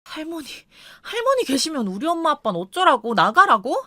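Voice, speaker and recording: A woman's voice: high-pitched, sing-song, moderate pace, fairly bright tone, dry recording, studio quality, pitched above the performer's own voice. A woman voicing a petulant, spoiled young wife who talks in a whiny way.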